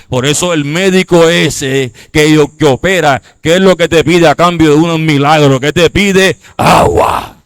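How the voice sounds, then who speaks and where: Slow, deliberate man preaching a Bible class. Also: fairly high pitch, no echo. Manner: asks the audience rhetorical questions and checks they follow; reads scripture aloud and explains it line by line. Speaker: preacher teaching a discipleship class.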